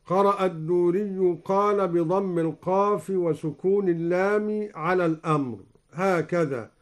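High-voiced man slowly chanting verses. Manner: measured, chants quoted verses in slow recitation. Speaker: Quran recitation teacher. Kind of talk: formal explanation of recitation variants. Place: radio studio.

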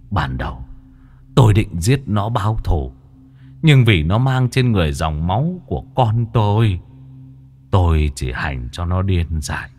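A man's voice: low voice, a little mellow. A man voicing the pleading ghost of an old man, with an aged, quavering voice. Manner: begging, tearful.

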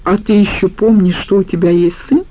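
A woman's voice: mid-range voice, steady tone, brisk, dull audio, natural voice. A woman playing a spiteful, brazen woman. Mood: bitter. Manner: sharp, mocking, brazen. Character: spiteful scheming woman, the criminal's former partner.

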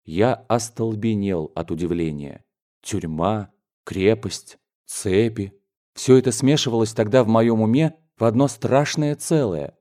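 A male audiobook narrator reading a classic novel in a steady, dramatic storytelling manner. His voice sits low, with a dark, mellow warmth. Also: measured pace. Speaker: audiobook reader.

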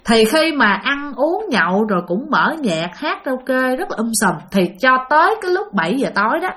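A woman's voice: high-pitched, big pitch swings, moderate pace, fairly bright tone. A woman with a Southern Vietnamese accent telling a ghost story in a chatty way, often addressing her listeners directly. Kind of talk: spoken ghost-story narration.

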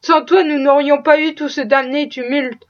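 A woman's voice: sits high, steady tone, normal speed, natural voice. A woman voicing an irritable male horse trader who grumbles curtly in a storybook reading. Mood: irritated. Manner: grumbling, curt. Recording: dull lo-fi recording.

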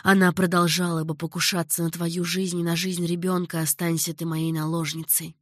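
A woman's voice: on the low side, little pitch movement, moderate pace, a bit bright, dry recording, clean studio sound. A woman voicing an older male caliph who speaks earnestly, patiently and with sorrow. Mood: tender. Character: older male caliph, grave and tender ruler.

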